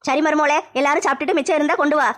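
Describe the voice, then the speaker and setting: A woman as a scheming old mother-in-law in a comedy sketch, her voice pitched very high and her words tumbling out fast. She grumbles, coaxes and scolds by turns. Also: fairly even intonation, a bit bright. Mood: sweet, coaxing. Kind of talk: comedy skit acting.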